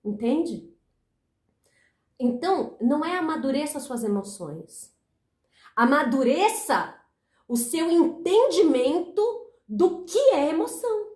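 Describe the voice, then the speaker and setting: A woman speaking high in her range gives a self-help talk straight to her viewers. She is animated and repeats lines for emphasis, slipping into little inner voices. The room around her is echoey. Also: takes it slowly, pauses often.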